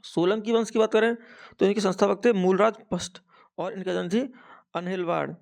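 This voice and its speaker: A young male coaching teacher with a Hindi accent runs through exam facts, saying each one twice so students can note it down. His voice sits a little high and has a gravelly edge. He keeps a steady, rote teaching delivery. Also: fairly quick. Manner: repeats each fact twice, dictation-like. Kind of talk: rote exam-prep lesson.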